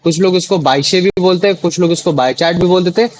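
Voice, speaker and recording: A man's voice: sits high, little pitch movement, very fast, a little mellow, low-quality recording. A young man tutoring students in a class, explaining patiently with many fillers and restarts. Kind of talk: online class teaching in Hindi.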